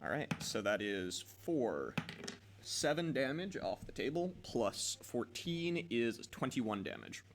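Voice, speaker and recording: A man's voice: medium pitch, very animated, slow, a little hiss or hum. A man playing a character in a tabletop game, talking casually and hesitantly with fillers and restarts. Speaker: player.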